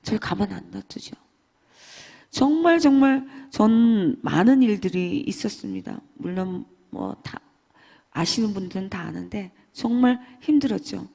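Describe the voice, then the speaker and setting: A woman giving an emotional church testimony, swinging between loud and hushed. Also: medium pitch, sing-song, unhurried, gravelly. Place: church hall. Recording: long church hall reverb.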